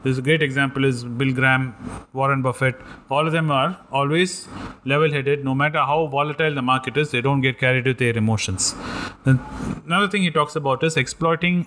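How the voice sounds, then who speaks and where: Brief: South Indian male podcast co-host, native Tamil speaker, mid-pitched, very rapid explanatory talk, some background noise. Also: a bit bright. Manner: switches between English and Tamil. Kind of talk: casual discussion, explaining.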